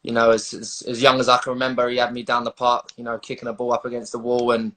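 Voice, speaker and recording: A man's voice: medium pitch, completely flat delivery, fast talker, fairly bright tone. A man with a London accent talking casually as an interviewed footballer, matey and slangy with hesitant phrasing, on a video call. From London, England.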